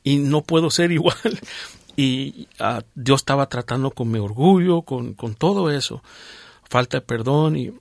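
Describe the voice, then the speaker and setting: A man sharing a personal testimony in conversation, halting and restarting as he tells it, slipping English phrases in now and then. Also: mid-range voice, creaky, no room sound, studio quality.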